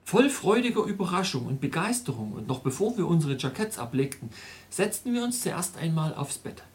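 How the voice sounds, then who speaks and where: A man, host of a storytelling podcast, narrating his own travel story in scripted first person with measured, detailed telling. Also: a little high, big pitch swings.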